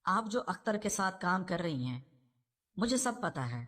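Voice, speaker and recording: A woman's voice: fairly low pitch, sing-song, a bit bright. A woman voicing an earnest young son in a story. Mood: indignant. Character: young man, a pleading and indignant son.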